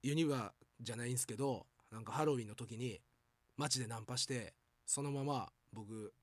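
A man's voice: medium pitch, fairly quick, no echo. A man with a Kansai accent, animatedly telling a funny story on a comedy podcast and acting out the lines. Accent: Kansai Japanese. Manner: animated storytelling, acts out quotes, laughs often. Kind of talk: casual comedy chat.

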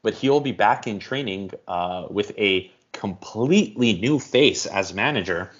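A man co-hosting a casual football podcast, explaining at length in a measured way with frequent ums. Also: fairly low pitch, lively intonation. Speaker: podcast co-host. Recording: dull lo-fi audio.

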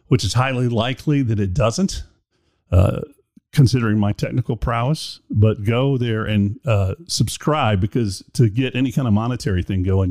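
A man's voice: medium pitch, a little mellow, no room sound, clean studio sound. A man hosting a podcast in casual chat, talking in a rambling, chatty, self-deprecating way. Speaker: podcast host. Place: indoor room.

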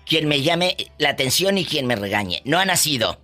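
A radio host with a Mexican Spanish accent, chatting with callers in a theatrical, flamboyant way. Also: male voice, on the high side, very animated, moderate pace, sharp tone, soft background music. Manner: theatrical, flamboyant, preachy asides. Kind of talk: radio call-in chat.

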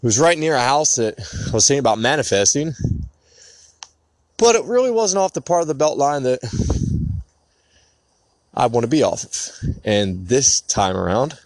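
A man's voice: mid-range voice, very animated, normal speed, long pauses, no echo. A man in his thirties hosting a podcast, telling a personal story in an earnest, emotional, rambling way. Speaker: podcast host.

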